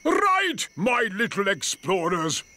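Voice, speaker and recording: Grampy Rabbit, a boisterous old rabbit. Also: male voice, high-pitched, wildly swooping pitch, slow pace, a little hiss or hum, exaggerated voice. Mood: jolly. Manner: boisterous and playful. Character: jolly old grandad rabbit. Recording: cartoon with loud music underneath.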